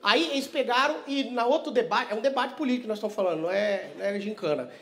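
A male stand-up comedian works the crowd, teasing and swearing, swinging from quiet asides to loud laughing bursts. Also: sits high, racing. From Vitória, Brazil. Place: comedy stage before a live audience.

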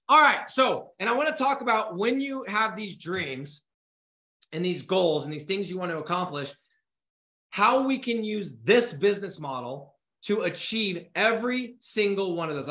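Male, 30s, business coach, punchy motivational delivery, casual swearing; bright edge, roomy echo. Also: high-pitched. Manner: energetic, urgent, swears casually; gestures a lot with his hands while talking. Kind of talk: motivational talk to camera. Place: home office with bookshelves.

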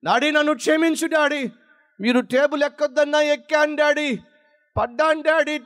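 A man's voice: moderate pace, fairly bright tone. A man doing a tearful pleading little boy. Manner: crying, begging, high and strained. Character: young boy, tearful, pleading with his father.

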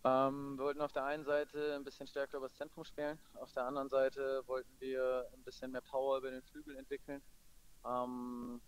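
In poor-quality audio, a man answers questions after a match as a football coach. His delivery is quick and matter-of-fact, measured in manner, with a mid-level pitch that barely varies.

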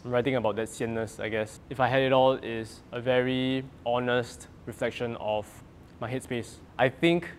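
A man's voice: medium pitch, flat delivery, moderate pace, slight background noise. A young adult man with a Singaporean accent and light Singlish touches, talking casually as a singer-songwriter in an interview.

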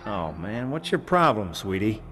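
Low-voiced cocky soldier hero. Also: male voice, big pitch swings, unhurried. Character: cocky, wisecracking young male soldier hero. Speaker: video game protagonist. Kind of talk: video game voice acting and narration. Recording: game audio under loud music.

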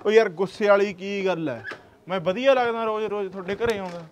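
A man's voice: high-pitched, quick pace, slight background noise, natural voice. A man with a Punjabi accent playing a frustrated shopkeeper friend who keeps demanding repayment. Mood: insistent.

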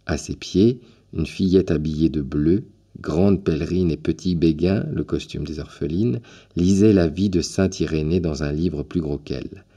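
A man from France reading a classic tale aloud as an audiobook narrator, unhurried and expressive, lingering on descriptive phrases. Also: extremely low pitch, breathy edge. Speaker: audiobook reader. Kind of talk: scripted literary narration.

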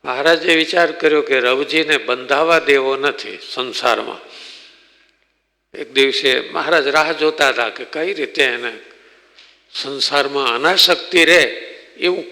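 A man, a swami, telling a religious story in a sermon and acting out the quoted exchanges lively. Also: mid-range voice, unhurried. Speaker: swami giving a religious discourse. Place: temple hall. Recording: long reverb in a temple hall.

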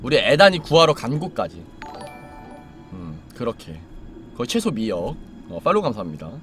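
A man's voice: mid-range voice, huge pitch swings, normal speed, fairly bright tone, faint music behind. A young man casually commenting on a game as a streamer, joking with his viewers in a playful, chatty way. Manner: playful, chatty, puts on silly voices.

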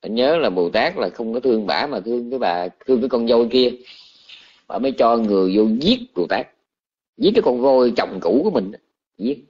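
A man, a Buddhist monk, telling a story in a colloquial, animated sermon. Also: mid-range voice, brisk, slightly rough, muffled recording.

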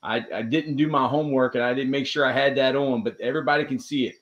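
A man's voice: medium pitch, steady tone, quick pace, highs cut off. A man hosting a podcast over a video call, friendly, with hesitant restarts. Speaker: podcast host. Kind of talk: casual interview chat.

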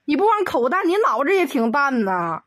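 Woman commentator, comedic exasperated rant, slightly high voice, dry close sound. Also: very animated, no echo. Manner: exasperated, rapid rhetorical questions. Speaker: video commentator.

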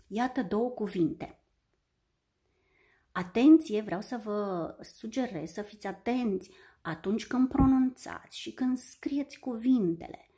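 A woman teaching young children a phonics lesson, sounding out letters and syllables slowly and carefully. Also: mid-range voice, warm tone, husky.

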